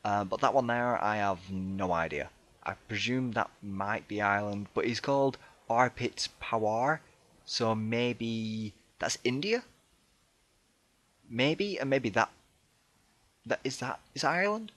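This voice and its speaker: Man, fairly low voice, casual gameplay commentary, hesitant, lots of ums, chatty, self-deprecating. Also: unhurried, a bit bright. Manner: hesitant, many ums and restarts. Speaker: let's play gamer.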